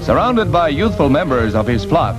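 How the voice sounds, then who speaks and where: A man delivers 1940s newsreel narration in a brisk, upbeat announcer manner. His voice sits a little high and swings widely in pitch. Loud music runs under the old newsreel soundtrack. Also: very animated.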